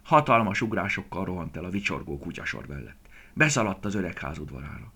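A man's voice: sits low, big pitch swings, sharp tone, breathy edge. A man narrating a children's story expressively, often dropping to a whisper.

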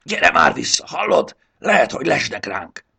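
A man voicing a bossy, anxious young male creature who shouts warnings in a gravelly voice. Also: low voice, heavily acted. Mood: urgent. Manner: urgent, scolding shouts.

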